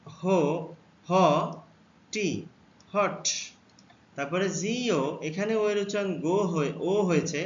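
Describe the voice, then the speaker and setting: A man teaching a phonics lesson, spelling each word out letter by letter and sounding it out slowly. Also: fairly bright tone, slight background noise. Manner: slow, spells out words letter by letter. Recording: echoey, dull low-fi room recording.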